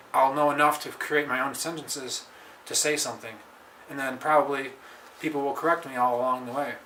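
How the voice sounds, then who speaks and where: An American man giving a casual, halting spoken lesson on a phrase he is learning, with frequent restarts and slow repetitions of practice phrases. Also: a little high, pushed and bright. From United States. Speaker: language learner vlogger. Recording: echoey room, faint ambient noise.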